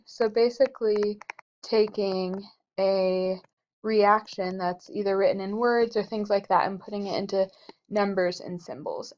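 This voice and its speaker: A woman's voice: mid-range voice, darkish tone, highs cut off. A woman chemistry teacher giving a recorded lecture, explaining steadily with frequent ums and uhs. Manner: slow and explanatory, frequent um and uh fillers.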